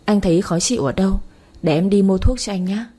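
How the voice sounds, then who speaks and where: A woman's voice: mid-range voice, fairly quick, breathy edge, lightly acted. A woman doing a trusting, devoted young wife. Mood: tender. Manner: gentle, pleading.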